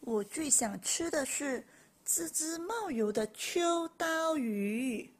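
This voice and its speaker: A hungry storybook wolf, gleeful about dinner and then quick to dodge it, voiced by a woman. The voice is high and bouncy, stretching its words out. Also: lively intonation. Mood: evasive. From Malaysia. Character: greedy grown wolf, cheerful then evasive. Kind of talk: storybook reading.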